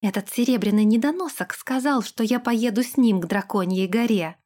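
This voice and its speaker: A woman's voice: a little high, moderate pace, natural voice. A woman voicing a spoiled, imperious young princess who snaps and gives orders in an audiobook. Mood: furious. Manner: haughty, sharp-tongued, commanding. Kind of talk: audiobook character voice.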